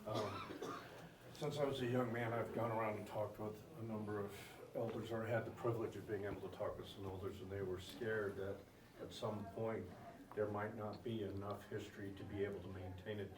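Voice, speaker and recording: A man in the audience asks the speaker a question in a measured, respectful and slightly hesitant way. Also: fairly low pitch, steady tone, a crowd in the background. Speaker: audience member asking a question. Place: museum presentation room. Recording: roomy, distant, noisy audience.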